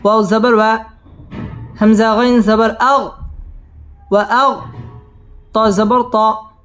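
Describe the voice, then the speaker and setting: High-voiced, slow-chanting male Quran teacher. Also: fairly even intonation, a bit bright, soft background music. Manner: spells letters and vowel marks, then chants each verse slowly. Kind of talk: tajweed lesson, spelling out and reciting verses.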